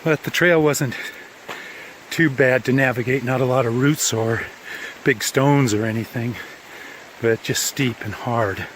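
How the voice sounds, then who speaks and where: A man's voice: mid-range voice, a little slow, fairly bright tone. Tired male hiker, outdoor handheld vlog, rambling and plain-spoken, faint background hiss. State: tired after a long hike. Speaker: hiker filming a trail vlog. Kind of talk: casual spoken trail diary. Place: outdoors on a mountain trail.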